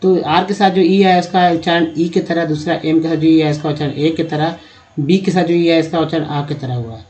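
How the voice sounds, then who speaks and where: A man's voice: a little high, steady tone, a little fast, a little mellow, rough recording. A man with a Hindi accent teaching English pronunciation, patiently drawing out the words he demonstrates. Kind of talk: explaining pronunciation to learners.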